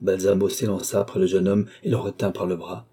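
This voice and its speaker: A man reading a classic novel aloud as an audiobook narrator, in even, steady storytelling. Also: low voice, fairly quick, breathy edge.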